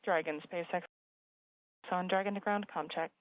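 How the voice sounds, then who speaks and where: A woman calls out over a crackly space-to-ground radio link, brisk and procedural, as on a sci-fi communicator. Her voice sits a little low and comes through thin and phone-like. It is dry and sounds far from the mic. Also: steady tone, dry recording.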